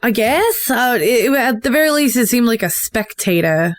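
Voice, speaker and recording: A woman's voice: a little high, animated, normal speed, no room sound. A woman playing a tabletop game, thinking aloud in a hedging, casual way. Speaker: player.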